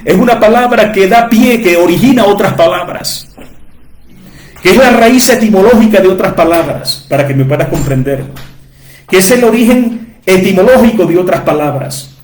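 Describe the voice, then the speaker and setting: A man's voice: high voice, lively intonation, moderate pace, darkish tone, roomy sound. A man teaching from the Bible to his listeners, repeating key words and asking rhetorical questions for emphasis. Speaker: preacher.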